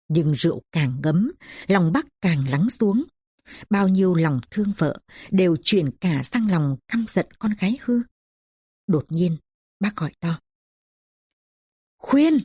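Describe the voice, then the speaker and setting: A woman narrating a novel in a measured, steady reading. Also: lowish voice, husky, no echo, clean studio sound. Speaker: storyteller.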